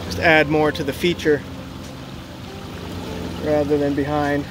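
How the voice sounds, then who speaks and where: Outdoors by a backyard stream, a water feature installer films on a handheld phone and thinks aloud through a plain, practical walkthrough while inspecting. His voice is a little high, with little pitch movement, and a little slow, over a noisy background.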